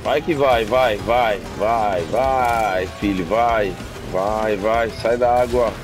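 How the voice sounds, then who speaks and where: Um homem brasileiro comentando uma partida, misturando português e inglês, exasperado e soltando gritos de desespero. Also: male voice, on the low side, slow pace. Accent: Brazilian Portuguese. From Brazil. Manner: exasperated, swings into loud cries of despair. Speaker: gameplay streamer. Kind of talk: gameplay commentary in Portuguese and English. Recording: game music faintly behind.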